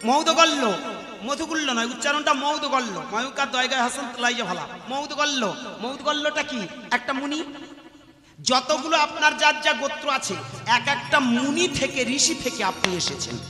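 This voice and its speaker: A man's voice: extremely high pitch, expressive, moderate pace, pushed and bright. A man preaching in a devotional kirtan sermon with a Bengali accent, questioning his audience rhetorically from a stage. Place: stage before a live audience. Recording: echoey hall with music behind.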